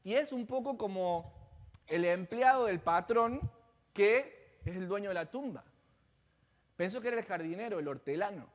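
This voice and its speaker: A man pastor delivering an Easter sermon as dramatic storytelling, swinging between loud passages and hushed ones. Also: high voice, expressive, normal speed, pauses often. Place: church sanctuary. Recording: long church-hall reverb.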